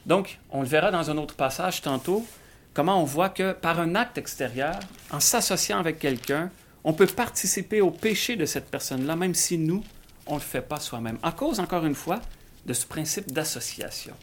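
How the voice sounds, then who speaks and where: A man, reading Bible verses slowly and thinking aloud with some hesitation as he explains them. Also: on the high side, animated, a little hiss or hum. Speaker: Bible discussion speaker. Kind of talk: conversational Bible teaching.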